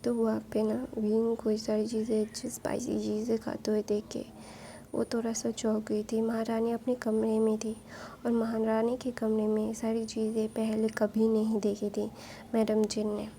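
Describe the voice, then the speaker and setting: A woman's voice: a little high, completely flat delivery, moderate pace, warm tone, a little hiss or hum, poor audio. A woman retelling a fanfiction story casually, chatty and full of fillers.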